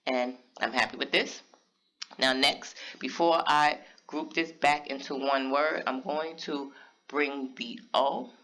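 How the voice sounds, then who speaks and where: A man casually narrating a step-by-step craft software tutorial, talking straight to his viewers. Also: medium pitch, highs cut off. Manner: casual step-by-step explaining, talks to viewers directly.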